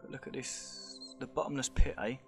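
Soft background music plays under a man's medium-pitched, steady voice, delivered at normal speed. He's a vlogger filming handheld in an underground show cave, offering chatty, rambling, speculative remarks and pointing things out.

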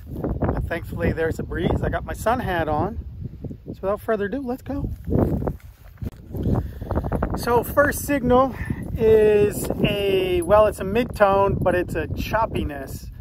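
A man with a slightly high voice chats cheerfully to viewers as he works a rural field outdoors. Loud wind rushes over his voice throughout. He sounds upbeat, like a hobbyist vlogger narrating his own dig. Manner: chatty, upbeat, talks to viewers while working. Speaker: metal detecting vlogger. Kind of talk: casual running commentary while digging. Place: outdoors in a rural field by an old cellar hole.

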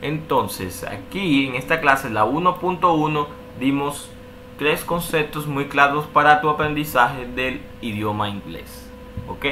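A man's voice: mid-range voice, unhurried, pushed and bright, a little hiss or hum. A man teaching an online language lesson, patiently walking through rules and checking in often with a questioning "ok". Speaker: English teacher.

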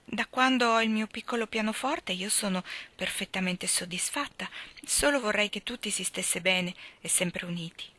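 A woman reading aloud, voicing a shy, gentle young girl who speaks softly and modestly. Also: medium pitch, moderate pace. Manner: soft, quiet, modest.

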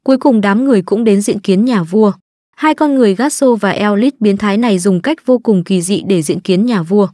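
A woman narrating an anime story recap from a script, brisk and lightly joking. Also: medium pitch, warm tone, no echo, studio quality.

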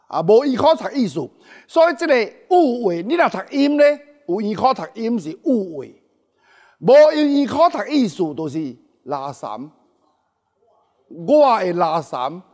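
A man at a church gathering who sings a hymn slowly, word by word, then explains its pronunciation in a chatty way. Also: sits high, darkish tone. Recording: long hall reverb, faint instrument music.

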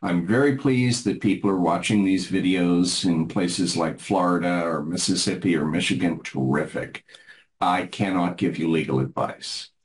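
Low voiced lawyer guy chatting about old client cases, acts out the back and forth. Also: a little mellow, rough recording. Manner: storytelling, quotes clients and himself. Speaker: bankruptcy lawyer. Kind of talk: casual explanatory talk to camera.

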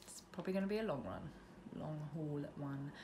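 Speaking low, expressively and briskly, a mid-twenties British woman does a casual Q&A chat to camera, informal and self-deprecating in tone. Her camera rests on the bedroom windowsill about an arm's length off, facing a busy road. Light road noise and passing traffic fill the noisy room.

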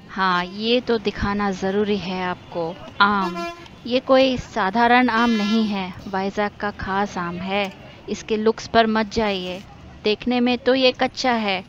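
A woman hosts a travel vlog, narrating in a chatty, enthusiastic voice-over that switches between Hindi and English. Her voice is mid-range, the sound is lo-fi, and background music is clearly audible.

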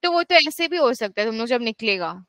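A woman's voice: fairly high pitch, sing-song, fairly quick, a bit bright, no echo. A woman tutor giving a classroom lecture, mixing Hindi and English, with firm asides to her students. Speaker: actuarial exam tutor.

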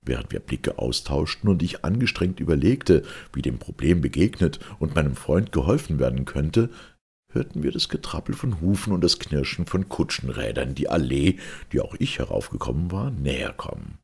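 A deep, gravelly male voice tells a first-person story in measured audiobook narration. His pitch moves lively through the sentences, and the tone is husky and grainy. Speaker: reader of his own story.

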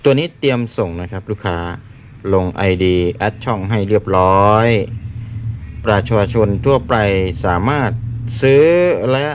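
A man's voice: fairly low pitch, measured pace. A man giving a casual product demonstration as a seller. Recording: faint background noise.

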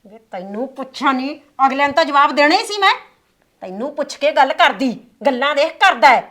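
A woman's voice: sits high, expressive, brisk, a bit bright. An actress playing a stern but caring village mother who soothes her daughter-in-law and scolds her drinking son. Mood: scolding. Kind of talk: village family drama acting.

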